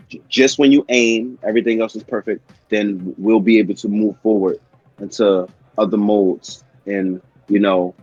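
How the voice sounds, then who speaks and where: A man's voice: fairly low pitch, darkish tone, no echo. A man giving game feedback on a stream, rambling and repeating his words. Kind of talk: casual stream chat. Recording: muffled lo-fi mic.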